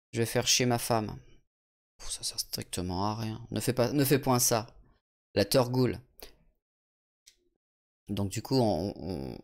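A French man with a gravelly, medium-pitched voice plays a video game as a let's play streamer, chatting casually and swearing now and then. He reads his viewers' chat aloud and answers them. He's recorded on a USB studio condenser mic.

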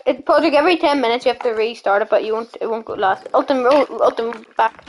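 High-voiced excitable female game streamer. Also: fast, a little hiss or hum, poor audio. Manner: shouts eagerly at teammates. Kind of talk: excited gameplay chatter.

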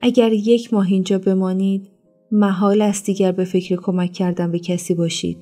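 A proud enslaved woman speaks in a cold, sarcastic and bitter tone, read by a woman in her own voice. The voice stays mellow and soft-edged over faint instrumental music. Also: medium pitch, level tone, natural voice.

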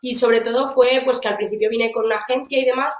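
A woman's voice: on the high side, fairly even intonation, fast talker. A young woman from Argentina, a guest chatting on a video call in an upbeat way, full of fillers and restarts. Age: young adult. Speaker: interview guest. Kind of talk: casual video-call interview. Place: small room indoors. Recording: roomy echo.

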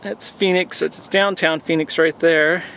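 A man in his forties talks to a camera held at arm's length from a desert mountaintop, his voice pitched a little high for a man. He rambles along in an easygoing way with frequent ums. Faint outdoor noise sits behind him. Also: normal speed, creaky. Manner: relaxed, rambling with many ums. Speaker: hiking vlogger. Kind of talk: casual outdoor vlog.

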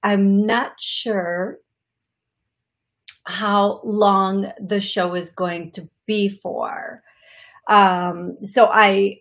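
A middle-aged woman hosts her psychic medium show as a solo livestream from her living room, seated on a leather couch. Her mid-range voice is raspy from allergies. She's chatty and apologetic, laughs often and gestures with her hands as she talks to viewers.

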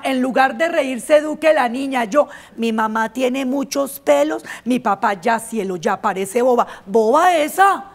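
A woman acting out an outspoken little girl in a comic stage monologue, switching among the voices of her family. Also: a little high. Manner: blurts embarrassing remarks, switches between family voices. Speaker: stage actress.

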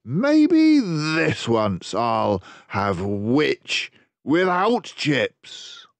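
A man's voice: mid-range voice, wildly swooping pitch, gravelly, no echo, heavily acted. A man voicing a mean, hungry dragon in a children's storybook, menacing and drawing out his words. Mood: greedy menace. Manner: menacing, drawn-out.

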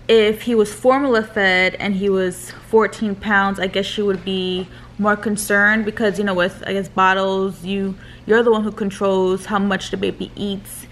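A woman's voice: mid-range voice, a bit bright, a little hiss or hum. A young woman and new mother talking casually to her vlog audience, chatty and leaning on "like" as she tells the story. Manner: chatty, leans on "like" as filler. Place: pediatric clinic exam room.

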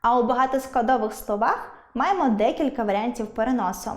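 Woman teacher explaining a lesson, kinda high voice, roomy echo, careful and clear. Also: fairly quick. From Ukraine. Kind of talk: scripted lesson narration.

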